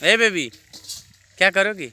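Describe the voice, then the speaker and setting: Slow-spoken man coaxing a little girl. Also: sits high, expressive, bright, forceful tone. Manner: coaxing a little girl, mixing in simple English phrases. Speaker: vlogger. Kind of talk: casual outdoor vlog. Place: outdoors beside farm fields.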